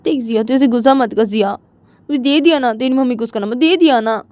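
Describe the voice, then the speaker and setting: A woman's voice: sits high, moderate pace, dark tone, no echo, pitched above the performer's own voice. Adi, a woman playing a pleading young man. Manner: pleading, coaxing.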